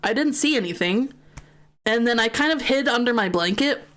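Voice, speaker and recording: A woman's voice: a little high, lively intonation, moderate pace, fairly bright tone. Chatty young woman telling a ghost story. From American. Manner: chatty, many fillers and swearing. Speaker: gaming streamer. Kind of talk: casual storytelling while streaming.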